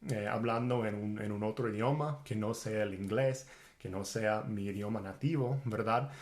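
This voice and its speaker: A native English-speaking man teaching English, answering viewer questions in a casual, easygoing Q&A and switching between English and Spanish. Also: medium pitch. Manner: relaxed, easygoing, talks to viewers directly.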